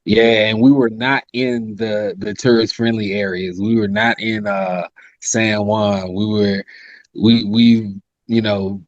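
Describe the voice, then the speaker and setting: Muffled and free of room sound, this recording has a South Carolina man in his 30s, a rapper and singer, speaking slowly in a level tone. As a polite interview guest he talks casually, filling gaps with "you know," and says his voice is high-pitched.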